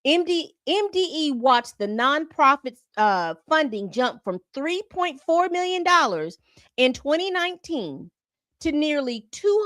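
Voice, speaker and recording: A woman's voice: sits high, a bit bright, dry recording. A woman hosting a commentary channel, reading from a report and breaking off into exasperated asides. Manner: reads documents aloud then comments with exasperated asides.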